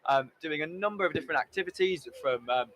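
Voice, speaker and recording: A man's voice: on the high side, fast, a bit bright, slight background noise, poor audio. A man from Yorkshire with a Yorkshire accent, co-commentating a live event in a chatty, self-deprecating way with lots of fillers. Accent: Yorkshire English. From Yorkshire, England.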